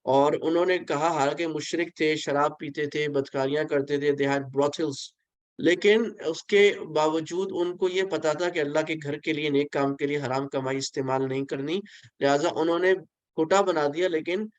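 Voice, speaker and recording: A man with a fairly high voice and fairly even intonation leads a pilgrimage training session on a video call, speaking at normal speed. As a religious instructor, he patiently goes step by step, has listeners repeat after him, and slips English phrases into his talk. There's no room sound.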